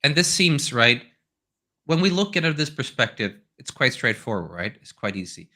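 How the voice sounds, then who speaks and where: A Swedish man, a native speaker of Swedish, presents in a relaxed webinar style, weaving stories into his points. His voice is bright and forward, sitting at an ordinary middle pitch. He often ends thoughts with a quick "right?". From Sweden. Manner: conversational, tells anecdotes, tags questions with "right?". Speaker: guest speaker on domains.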